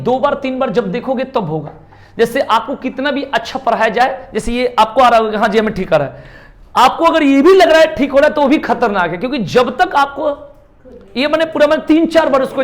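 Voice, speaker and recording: A man with a strikingly high voice lectures to a classroom. He is lively and repetitive, sounding each letter aloud and coaxing his students to copy him. He sometimes drifts away from the mic as he moves around the room. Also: a little fast. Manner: calls students "bhai" often. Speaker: teacher.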